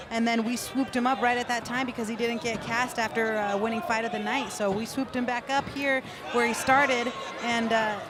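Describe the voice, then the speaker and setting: A woman giving live fight commentary as an analyst, explaining technique in a conversational way. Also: on the high side. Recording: live fight with crowd behind.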